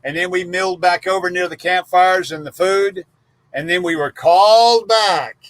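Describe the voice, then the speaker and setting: A man's voice: sits high, normal speed, a bit bright, no room sound. A man co-hosting a casual live stream, folksy and chatty, rattling off viewer guesses. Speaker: livestream co-host.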